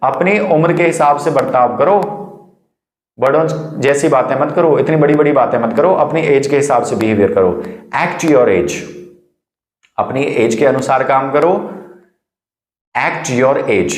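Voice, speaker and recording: A man teaching English phrases in Hindi, coaxing viewers to repeat and saying each phrase very slowly for practice. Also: mid-range voice, expressive, echoey room. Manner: drills phrases slowly for repetition. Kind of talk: spoken English lesson.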